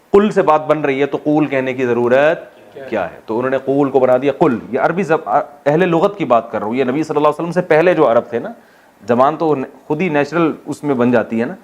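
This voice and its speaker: A man from Pakistan, an Islamic scholar teaching a Quran exegesis class, who asks the class questions, answers them himself, and jokes with his students. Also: mid-range voice. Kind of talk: classroom lecture.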